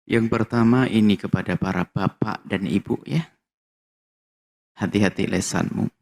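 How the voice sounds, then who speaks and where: A man answering a question in a lively preaching style, acting out quoted speech. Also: normal speed, vocal fry. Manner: lively, shifts pitch widely, acts out quoted lines.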